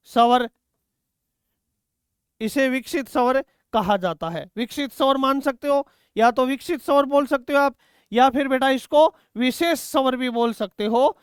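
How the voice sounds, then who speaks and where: Man, Hindi grammar teacher, high pitch, smooth clear voice, repeats key terms, dry close sound. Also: no room sound. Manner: repeats key words slowly, addresses students as "beta". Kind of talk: exam-prep grammar lesson.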